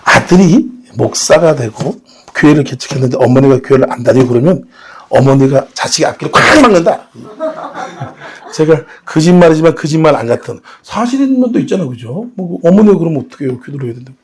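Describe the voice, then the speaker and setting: A middle-aged male pastor preaching a sermon in a church, telling family stories with shouting bursts and acted voices. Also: fairly high pitch, big pitch swings, a little fast, slightly rough. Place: church sanctuary.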